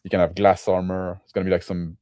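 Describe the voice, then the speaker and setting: Low-voiced man rambling about tabletop games. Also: little pitch movement, quick pace, mellow, no echo, clean studio sound. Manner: rambling, many fillers and restarts. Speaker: podcast co-host.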